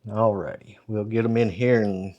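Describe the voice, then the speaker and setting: A man's voice: fairly low pitch, fairly even intonation, normal speed, darkish tone, muffled recording. A man, talking in a folksy, homespun way as he cooks supper at home for a casual cooking video. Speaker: home cook host. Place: home kitchen.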